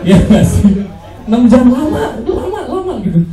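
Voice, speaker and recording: A man's voice: very high voice, very animated, moderate pace. A young man from Indonesia doing a casual, slangy stand-up comedy set and bantering with the crowd. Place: open mic comedy venue. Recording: roomy, distant stage recording.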